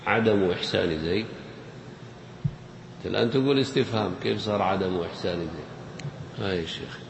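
A man's voice: sits low, fairly quick, creaky. A man teaching a grammar lesson, quizzing his audience in a playful, teasing way. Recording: echoey hall with faint noise.

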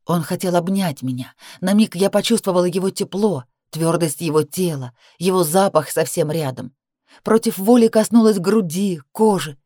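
A woman with a fairly low voice reads a first-person novel aloud with feeling. The recording is close and dry, with no room sound. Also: moderate pace, no echo. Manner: expressive, emotional reading. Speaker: audiobook narrator.

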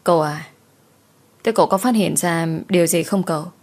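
A woman's voice: fairly low pitch, moderate pace, a little mellow. A woman voicing a timid young male servant who pleads and stammers when scared.

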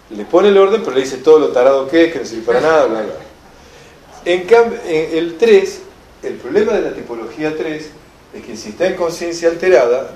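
A man with a Rioplatense accent gives a lively seminar talk, bringing his examples to life as he tells them. His voice sits a little high for a man, and it rings around an echoey room. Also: slight background noise. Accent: Rioplatense Spanish. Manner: animated storyteller, acts out shouted quotes. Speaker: enneagram teacher.

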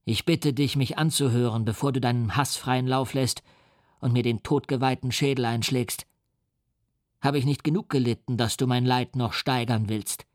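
A man voicing a huge, wretched male creature who speaks in a grave, measured and threatening way. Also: medium pitch, steady tone, no room sound, clean studio sound, natural voice. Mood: pleading, grave.

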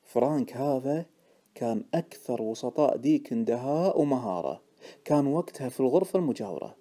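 A man with a Gulf Arabic accent narrating an audiobook in an animated storytelling way. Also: medium pitch, a little fast.

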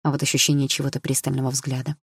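A woman narrating a novel in the first person, calm and even, close to the mic. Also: very deep voice, racing, vocal fry, slightly rough, dry recording. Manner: calm, even storytelling with inner thoughts. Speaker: audiobook narrator.

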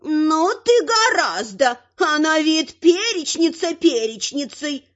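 A woman's voice: high-pitched, sing-song, slow pace, fairly bright tone, voice pushed up, heavily acted. A woman voicing a big, grumpy, quarrelsome female troll who growls threats. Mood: grudging. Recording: muffled lo-fi recording.

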